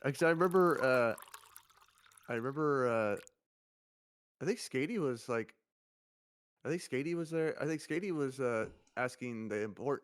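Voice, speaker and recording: Man, casual stream guest, slow and halting, repeats himself, smooth mid-pitched voice. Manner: halting, restarts and repeats "I remember"; talks slowly. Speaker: agency CEO.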